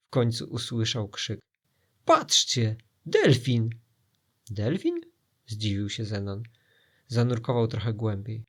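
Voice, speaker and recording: Male storyteller, father figure, mid-range voice, expressive children's story narration with dramatic pauses. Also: medium pitch. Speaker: father telling stories.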